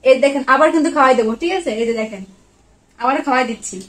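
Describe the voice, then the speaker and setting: A woman's voice: high voice, racing, a bit bright. A woman vlogging at home, coaxing her pet dog with repeated short words. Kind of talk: casual home vlog, talking to a pet dog. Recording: echoey room.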